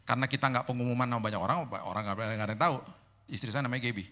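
A male pastor telling a personal story in a lively, conversational sermon, slipping in English phrases. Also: medium pitch, racing.

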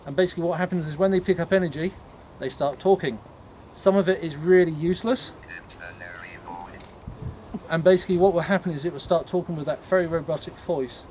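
A man leading a ghost tour, explaining things informally to a group in a halting, matter-of-fact way. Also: a little high, a little mellow. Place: on a night walking tour, in the dark. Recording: noisy outdoor night recording.

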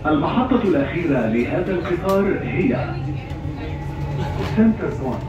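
Man, train announcement, formal even delivery, muffled lo-fi sound, heavy echo. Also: on the high side, normal speed. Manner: formal, evenly paced. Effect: train public address announcement. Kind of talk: automated transit announcement. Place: inside a moving metro train. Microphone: train loudspeaker heard by a phone camera. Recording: echoey, distant, muffled, noisy.

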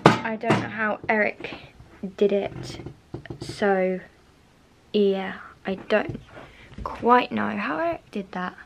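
In a casual bedroom vlog, a young woman talks into a handheld camera close to her face, rambling, repeating herself and now and then sinking into a whisper. Her mid-range voice is expressive yet slow and creaky, with long pauses. The background is noisy.

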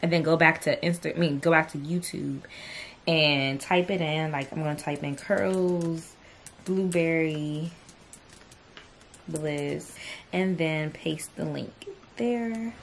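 Chatty young woman vlogger, soft low voice. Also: takes it slowly, a little hiss or hum. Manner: chatty, filler-heavy, addresses viewers as y'all. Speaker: lifestyle vlogger. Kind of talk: casual vlog chat to camera. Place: home bedroom and kitchen.

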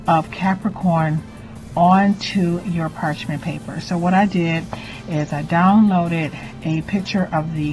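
A middle-aged woman hosting a craft vlog, speaking in a theatrical, gushing way with drawn-out emphasized words. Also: fairly low pitch, darkish tone, poor audio. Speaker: craft channel host, doll artist. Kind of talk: vlog and DIY tutorial. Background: music.

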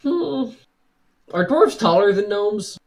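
A woman's voice: medium pitch, sing-song, slow pace, darkish tone. A young woman player chatting casually at a tabletop game, hesitant and musing, with lots of hmms.

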